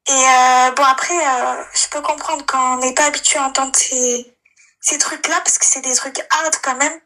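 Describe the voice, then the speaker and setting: A woman in her twenties phones in with a high, sharp voice. It sounds pinched and nasal, and she chats casually with hesitations. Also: fairly even intonation, moderate pace, rough recording. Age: 20s. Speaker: caller.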